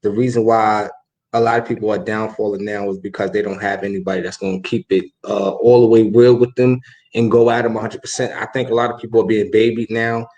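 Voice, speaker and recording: A man with a fairly low voice hosts a casual podcast interview. He asks his questions hesitantly and fills the gaps with plenty of uhs. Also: level tone, brisk, a little mellow. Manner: hesitant, filler-heavy questions. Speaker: podcast host.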